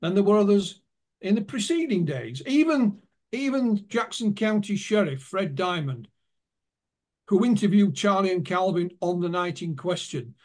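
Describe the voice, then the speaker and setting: A man's voice: sits high, sing-song, normal speed, darkish tone. A man being interviewed as an author, telling anecdotes and retelling what witnesses told him. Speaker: author and guest. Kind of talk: interview storytelling.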